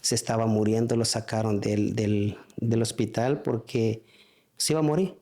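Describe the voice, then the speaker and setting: A man giving a spoken church testimony, halting, with frequent restarts and fillers. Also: lowish voice, fairly even intonation, mellow.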